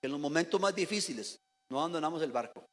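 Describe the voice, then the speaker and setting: Speaking quickly and animatedly in a slightly high voice, a Costa Rican pastor preaches his Sunday sermon, questioning the congregation and calling on them to repeat his words. The church sanctuary lends the recording a hall-like reverb.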